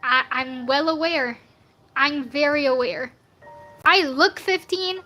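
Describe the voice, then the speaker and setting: Drawing fan art on a live stream, this nineteen-year-old woman talks slowly and rambles casually, with lots of slang and jokes at her own expense. Her bright, forceful, high-pitched voice seems younger than her years, and soft music plays in the background.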